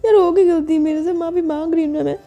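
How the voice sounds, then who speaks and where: A woman's voice: high voice, steady tone, a little fast, dark tone, soft background music, natural voice. A woman voicing a young college woman who is hurt and tearful, pleading and reproachful.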